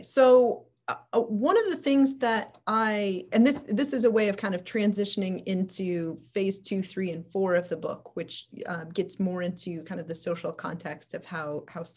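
A woman's voice: on the low side, a little mellow, slightly rough. Chatty woman leading a book club call. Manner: chatty, laughs at herself, thinks aloud. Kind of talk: casual online discussion. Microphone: video call.

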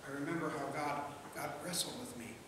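In a large church, a middle-aged pastor preaches from the pulpit a little fast, his voice on the high side. His sermon is conversational, full of repeated words, jokes, and quoted voices. Captured by a pulpit mic and a far camera, the echoey hall sounds distant, with faint ambience and a noisy background.

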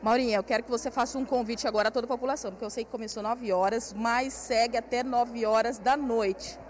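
Reporting live for TV from an indoor craft fair, this Brazilian-accented woman in her thirties talks fast in a fairly high voice with fairly even intonation. She chats as she walks and points, guiding viewers around, into a handheld station mic that picks up slight background noise.

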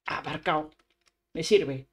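A woman's voice: deep voice, slow, fairly bright tone, husky. A young woman, chatting through a live gameplay stream and narrating every action with little sound effects. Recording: faint background noise with clicks.

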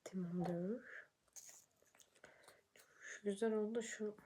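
A young adult woman vlogging casually while doing her makeup, chatty and quick to get frustrated, then calming herself down. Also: medium pitch, a little hiss or hum.

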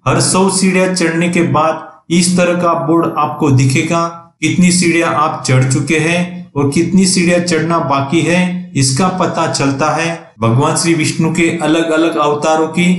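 A man's voice: on the high side, unhurried, few pauses. Man narrating a travel vlog, echoey. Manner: steady, plainly read narration with practical tips. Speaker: travel vlogger.

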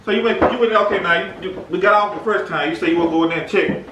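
A man's voice: high-pitched, very fast, far from the mic. A man co-hosting a comedy vlog who stammers, repeats his words and keeps tagging his lines with "though". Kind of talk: comic improvised chat. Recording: roomy echo, from off-mic, faint noise.

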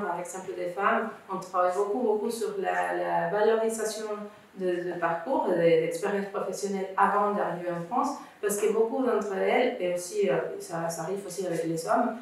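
A woman from Venezuela talks as an interview guest, earnest and methodical, laying out her points one by one. Her voice sits at a middle pitch. The recording sounds roomy and echoey, with the mic set some distance away. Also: normal speed, few pauses. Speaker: guest, founder of a refugee student association. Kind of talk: conversational interview.

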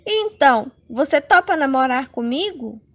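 A woman's voice: high-pitched, big pitch swings, normal speed. A woman voicing a timid, eager young boyfriend who talks in a hesitant, polite way, for a narrated comic.

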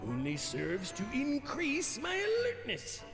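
A neurotic male police officer from a cartoon video game, melodramatic and wordy. His high voice swoops around and breaks into creaky fry as he pities himself. Music plays behind him. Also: wildly swooping pitch, takes it slowly, heavily acted. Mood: self-pitying, oblivious. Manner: melodramatic, wordy, self-pitying.

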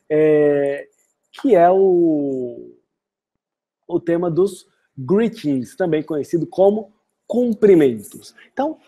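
A woman with a Brazilian Portuguese accent giving an online English lesson, explaining phrases and then saying the English examples slowly and clearly. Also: mid-range voice, mellow. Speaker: English teacher.

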